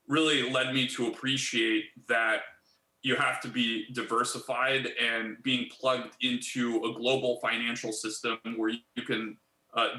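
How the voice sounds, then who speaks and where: A man in his thirties, a company chief executive, answering interview questions in a measured way with many fillers and restarts. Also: medium pitch, bright, forceful tone, echoey room. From Bulgaria.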